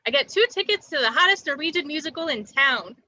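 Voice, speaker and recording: A woman playing a bright, naive small-town woman. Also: high-pitched, animated, fast, dry recording, highs cut off, heavily acted. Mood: earnest. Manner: earnest, guileless. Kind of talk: amateur sitcom table read.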